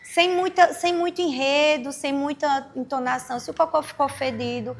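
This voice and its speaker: A woman educator talks parents through everyday advice, patient and explanatory. Her voice sits high and has a strongly gravelly, fried edge. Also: fairly even intonation, moderate pace. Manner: warm, explanatory, acts out little scenes. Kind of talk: informal advice talk.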